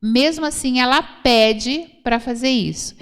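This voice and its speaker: A woman with a Brazilian Portuguese accent preaches a church sermon in a high-pitched, clean, slightly bright voice, speaking a little slowly. She explains scripture in a teaching manner, repeating phrases for emphasis to a congregation in a church hall. The sound is reverberant.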